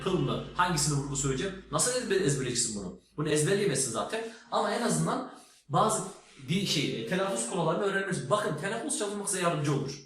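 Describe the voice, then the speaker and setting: Male teacher, emphatic lesson delivery with spoken word demos; slightly high voice, heavy room echo. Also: a bit bright. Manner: emphatic, teacherly, demonstrates words aloud. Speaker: English teacher. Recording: very echoey room with faint noise.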